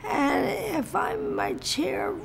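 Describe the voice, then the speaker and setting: A woman with MS speaking slowly and earnestly in an interview, recorded in an indoor office. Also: extremely high pitch, vocal fry, noisy background. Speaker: person with MS. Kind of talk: interview answers.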